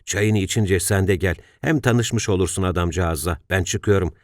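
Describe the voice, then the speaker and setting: A man's voice: deep voice, moderate pace, no echo, studio quality, lightly acted. Man voicing a worried old father. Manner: anxious, sighing, earnest. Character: worried older father, retired civil servant.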